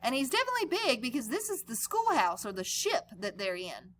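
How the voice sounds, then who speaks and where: Reading a picture book the way a teacher would, this woman talks conversationally to young listeners, asking questions and explaining things as she goes. She speaks fairly quickly in a slightly high voice with huge swings in pitch.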